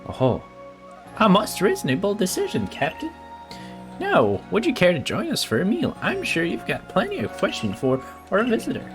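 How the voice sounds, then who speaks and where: A man's voice: high voice, wildly swooping pitch, moderate pace, music in the background, voice pushed up. A man voicing a fussy, cheerful older male professor in a chummy, genteel manner while reading game dialogue aloud. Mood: chipper.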